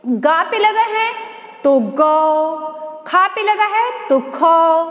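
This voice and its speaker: A woman teaching a Hindi lesson to students, asking questions and answering them herself, and slowly drawing out each syllable. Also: extremely high pitch, animated, a bit bright, soft background music. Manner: slow, drawn-out sounding of syllables. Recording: echoey room with long reverb.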